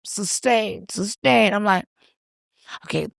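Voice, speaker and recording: A woman co-hosting a podcast, telling a story in casual chat, animated and swearing casually as she acts out what people said. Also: on the high side, normal speed, gravelly, dry recording, clean studio sound. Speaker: podcast co-host.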